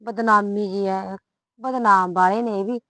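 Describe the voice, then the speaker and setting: A woman playing a fretful, sharp-tongued village woman with a Punjabi accent, who scolds, calls out loudly and frets about gossip. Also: mid-range voice, steady tone, unhurried, no echo, lightly acted. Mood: worried muttering. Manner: scolding, anxious about gossip, loud when calling. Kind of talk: comic short-film acting.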